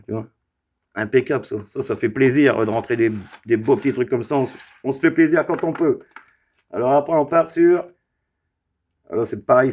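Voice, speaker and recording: A man casually showing off his toy car collection, chatty and rambling with lots of fillers and asides. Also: mid-range voice. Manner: chatty, rambling, many fillers and tag questions. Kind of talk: casual unboxing vlog. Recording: slightly dull lo-fi sound.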